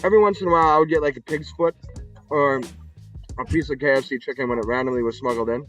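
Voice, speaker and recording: A man's voice: mid-range voice, fast, a bit bright, soft background music. A middle-aged American man telling his story bluntly and candidly as an interview guest, with some swearing. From United States. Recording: dull, dry lo-fi sound.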